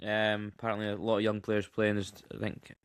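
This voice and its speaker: A man's voice: on the low side, monotone, fairly quick, clear, resonant tone, no echo, clean studio sound. A man co-hosting a football podcast, chatty and jokey with plenty of fillers. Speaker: podcast co-host. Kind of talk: casual podcast chat.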